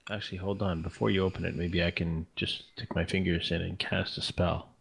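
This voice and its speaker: A man playing a tabletop game online with friends. His voice is very low and gravelly, with a husky, airy grain. He floats reckless ideas in a dry, joking way. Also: flat delivery, brisk, fairly bright tone. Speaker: player.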